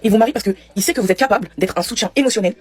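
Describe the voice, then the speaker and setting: A woman fires off her opinions to camera at a very fast clip, emphatic and direct. Her voice is slightly husky. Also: mid-range voice. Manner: rapid, emphatic opinion-giving. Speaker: commentator.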